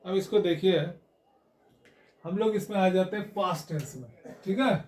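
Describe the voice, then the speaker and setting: Guy teaching grammar, high voice, keeps asking haan? theek hai?, echoey room from far off. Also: a little mellow. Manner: explains slowly, repeats and checks with "haan?" and "theek hai?". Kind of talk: classroom lesson.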